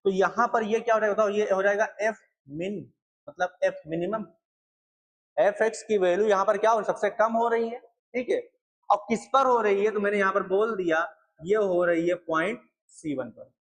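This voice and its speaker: A man's voice: high-pitched, fairly even intonation, moderate pace, poor audio. A young man lecturing on math at a board, repeating points and asking his students questions. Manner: repetitive, asks students questions. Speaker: math teacher.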